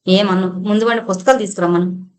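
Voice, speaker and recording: A woman's voice: medium pitch, steady tone, quick pace, lightly acted. A woman reading a storybook voices a stern, angry father who scolds and threatens his young son in a harsh, commanding way.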